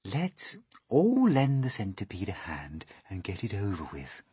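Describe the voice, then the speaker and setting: A man's voice: lowish voice, wildly swooping pitch, unhurried, warm tone, slightly rough, no room sound, heavily acted. A man voicing a polite, worried female ladybird in a children's storybook reading. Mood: practical.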